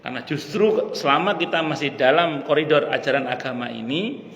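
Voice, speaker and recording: A man's voice: a little high, a little fast, a bit bright. A man preaching to a women's study group in a mosque, often repeating himself and asking the audience questions. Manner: repetitive, asks the audience questions. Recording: echoey hall, dull lo-fi sound.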